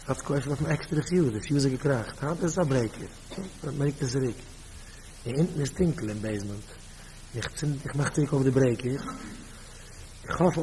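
Emphatic Yiddish-accented rabbi preaching. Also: male voice, mid-range voice, warm tone, a little hiss or hum, low-quality recording. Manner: storytelling, repeats phrases, rises to emphatic bursts. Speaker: rabbi giving a talk.

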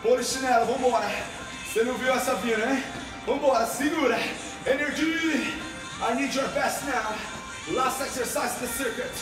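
A man with a Brazilian accent, a native Portuguese speaker, working as an energetic aerobics instructor who calls out counts and encouragement while exercising. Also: extremely high pitch, moderate pace. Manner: energetic, motivating, exerting himself while demonstrating. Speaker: aerobics instructor leading a workout class. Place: large indoor gym studio. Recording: echoey gym hall, distant mic, music behind.

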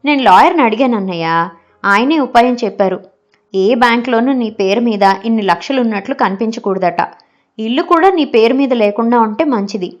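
Woman doing sly greedy younger brother, scheming, talks fast and pushy. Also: fairly high pitch, lively intonation, highs cut off, faint music behind, close to an everyday voice. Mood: persuasive. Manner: persuasive, scheming. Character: crafty, grasping younger brother.

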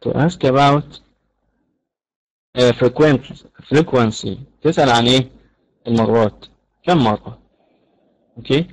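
A man's voice: mid-range voice, takes it slowly, long pauses, no room sound, poor audio. Egyptian guy teaching english online, says the example questions over and over, dry close mic. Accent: Egyptian Arabic. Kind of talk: online lecture.

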